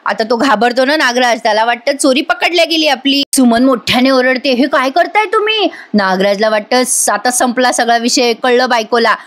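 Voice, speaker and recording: A chatty woman reviewer narrates a TV serial episode in a voice-over and keeps turning to address her viewers directly. Her voice sits high in pitch. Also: fairly quick, hardly any pauses, a bit bright.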